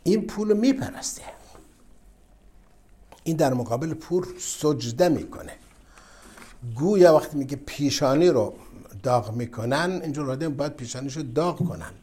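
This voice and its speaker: A man's voice: mid-range voice, slightly rough. Man preaching a storytelling sermon. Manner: storytelling, swings from soft asides to emphatic exhortation. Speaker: cleric.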